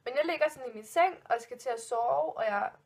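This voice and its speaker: This vlogger, a woman in her twenties, has a high, slightly rough voice. She's sharing ghost stories in a laid-back vlog, wandering off track with plenty of fillers and false starts while giggling from nerves and sounding spooked.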